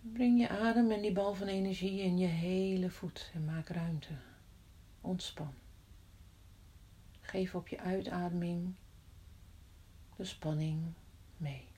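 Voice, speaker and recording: A woman guiding a body-scan meditation in a soft, often whispered voice, slow and calm with long pauses. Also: fairly low pitch. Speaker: meditation guide.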